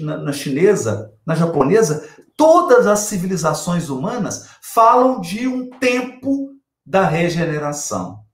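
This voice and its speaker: A man's voice: sits high, echoey room. A Brazilian man giving a spiritual lecture on scripture, emphatic, repeating key phrases and asking rhetorical questions.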